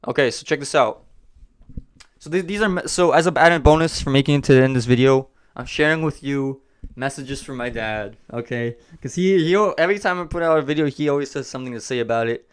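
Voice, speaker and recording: A man's voice: mid-range voice, quick pace, smooth. A man hosting a business vlog, talking casually to camera and repeating himself as he rambles. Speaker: host of a business channel.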